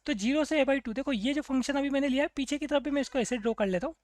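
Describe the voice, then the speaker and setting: A woman's voice: sits high, very fast, a little mellow, no room sound. A woman teaching a math problem, asking the class questions and answering them herself. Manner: asks and answers her own questions, "clear?" checks. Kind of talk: explaining a math problem on a board.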